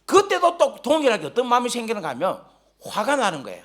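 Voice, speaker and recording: A man preaching a sermon, telling stories animatedly, joking with the congregation and rising to shouts when stirred. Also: very high-pitched, huge pitch swings, quick pace. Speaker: guest pastor. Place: church sanctuary during a live service.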